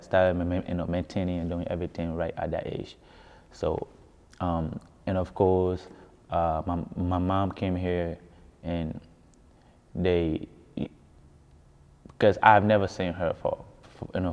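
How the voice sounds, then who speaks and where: Here a musician raised in Ghana, West Africa, recounts his story for a casual interview, his Ghanaian accent clear and his words often repeated for emphasis. His voice sits low with a warm tone. Echo from the hall and a muffled, dull quality color the audio.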